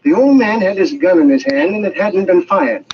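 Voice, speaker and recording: Authoritative police inspector, high animated voice, deliberate, old radio drama, muffled hissy recording. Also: male voice. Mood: explaining. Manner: official, deliberate. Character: authoritative, fair-minded male police inspector.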